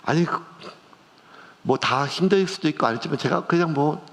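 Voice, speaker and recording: Middle-aged pastor, fairly high voice, chatty storytelling sermon with big emotional swings. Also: male voice, moderate pace, creaky, fairly bright tone. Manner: conversational preaching with emotional swings. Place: church sanctuary. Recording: long church reverb.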